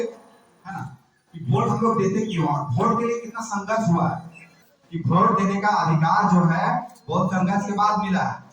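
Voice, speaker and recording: This is a public address by a male activist from Jharkhand, India, whose high, slightly bright voice keeps throwing rhetorical questions at his listeners. He's recorded from far off in a very reverberant room with faint noise.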